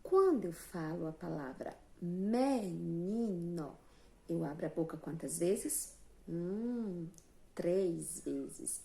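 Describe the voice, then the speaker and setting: This primary school teacher from Brazil spells words one syllable at a time and explains patiently in a slow, sing-song online lesson for young children. She speaks slowly in a lowish, very animated voice that is creaky and dark in tone.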